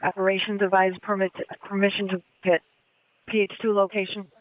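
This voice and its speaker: A man's voice: sits high, completely flat delivery, brisk, very noisy. A man dispatching over police radio, repeating back each report in short clipped phrases. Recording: tinny police radio transmission.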